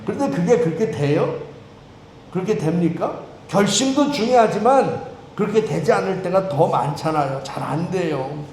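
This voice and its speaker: Male priest, high voice, chatty joking sermon, roomy church sound. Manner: conversational, joking with the congregation, quick swings between loud and soft. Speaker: Anglican priest. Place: church sanctuary. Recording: echoey church with faint room noise.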